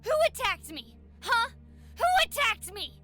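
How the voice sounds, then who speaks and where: A woman's voice: high-pitched, lively intonation, slow, a bit bright, faint music behind, heavily acted. A woman voicing a fiercely competitive, hot-tempered and petulant young female gamer in a video game. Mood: outraged. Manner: aggressive, petulant.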